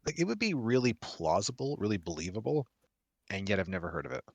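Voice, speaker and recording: A man's voice: on the low side, big pitch swings, fast, no echo. A man co-hosting a live game stream, chatting casually, musing aloud and laughing often. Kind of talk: casual chat.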